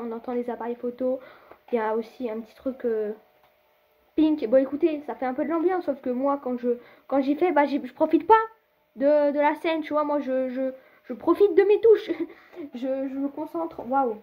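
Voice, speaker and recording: Chatty woman gamer, high voice, muffled home recording, rambling commentary with frequent laughs. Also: fairly even intonation, normal speed. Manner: chatty, laughing, rambling with many fillers and restarts. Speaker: gaming YouTuber. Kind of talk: casual gameplay commentary.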